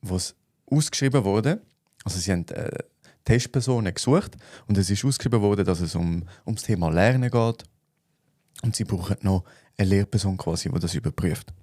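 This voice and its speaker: Mellow Swiss German man, unhurried chat. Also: lowish voice, dry recording, clean studio sound. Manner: relaxed, thinks aloud with fillers. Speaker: podcast co-host. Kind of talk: casual chat.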